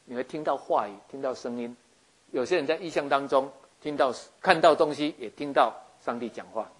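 A man giving a lively sermon, acting out scenes and often checking that his listeners follow. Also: medium pitch, brisk, husky. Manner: animated, acts out scenes, keeps asking listeners if they follow. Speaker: preacher.

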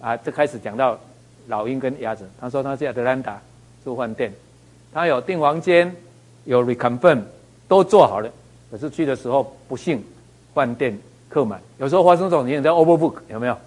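Male motivational speaker, lively storyteller, tosses out rhetorical questions. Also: medium pitch, fairly quick. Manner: animated storyteller, asks the audience rhetorical questions. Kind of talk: motivational talk with anecdotes.

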